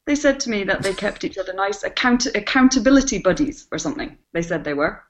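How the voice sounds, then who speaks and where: A woman's voice: mid-range voice, expressive, fast, lo-fi sound. A woman co-hosting a podcast, chatting in a dry, wry way and laughing often. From Scotland. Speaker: podcast co-host. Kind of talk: casual podcast chat.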